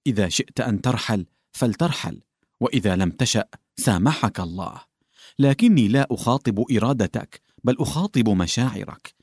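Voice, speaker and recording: A man's voice: mid-range voice, expressive, brisk, a little mellow, breathy edge, no room sound. A man voicing a desperate husband who begs a doctor for help, imploring and emotional, in a dry close recording. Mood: pleading. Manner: imploring, emotional, trembling with urgency.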